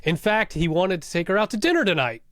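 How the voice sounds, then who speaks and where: A man with a fairly high voice recaps a TV episode for a podcast, scene by scene, often laughing at his own asides. He sounds close to the mic in a dry, dead room. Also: big pitch swings, fast talker, dry recording. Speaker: podcast co-host. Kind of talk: casual rewatch podcast recap.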